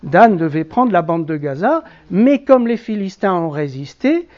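A sing-song, mid-range voice moves at an unhurried pace as a teacher explains biblical Hebrew to a class. The patient, step-by-step lesson is full of hesitations and captured in dull lo-fi classroom audio.

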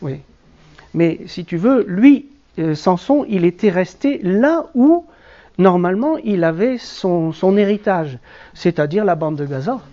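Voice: mid-range voice, expressive, a little slow, mellow. A teacher leading a classroom lesson on biblical Hebrew, explaining patiently step by step with frequent hesitations. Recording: dull lo-fi classroom recording.

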